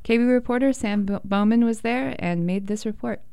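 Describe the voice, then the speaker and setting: A woman's voice: fairly high pitch, moderate pace, gravelly, warm tone, smooth, no echo, studio quality. A woman reading a scripted news introduction as a radio anchor.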